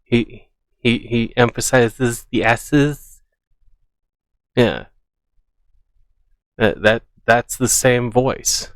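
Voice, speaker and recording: A man gives slow, unhurried reaction commentary, sounding skeptical and scoffing, and he often repeats himself. His voice is recorded close and dry, with no room sound. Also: mid-range voice, fairly even intonation, fairly bright tone, no echo. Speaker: reaction channel host.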